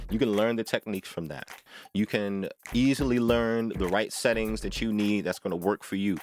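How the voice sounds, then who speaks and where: Slight background noise accompanies a man with a lowish voice as he hosts an informal music tutorial on the talkbox, speaking to camera. He is emphatic, says things over again, and often checks in with a short "right?".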